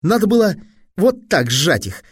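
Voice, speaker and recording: A man's voice: high voice, sing-song, unhurried, husky, no echo, voice pushed up, exaggerated voice. A man voicing a fat, whiny teenage boy who squeals and mocks his friend in an audiobook. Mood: teasing. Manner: squealing, mocking.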